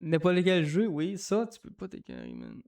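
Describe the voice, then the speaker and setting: Animated Quebec French man, higher voice. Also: moderate pace, creaky. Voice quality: animated, swears a lot, laughs often. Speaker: podcast co-host. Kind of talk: casual chat.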